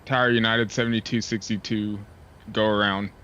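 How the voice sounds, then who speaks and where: Low-voiced man on a pilot headset. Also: flat delivery, normal speed, fairly bright tone. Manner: clipped, formal call sign readbacks. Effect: pilot speaking over a cockpit headset mic. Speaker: sim pilot talking to online air traffic control. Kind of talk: radio phraseology readbacks. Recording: dull lo-fi headset mic, faint hiss.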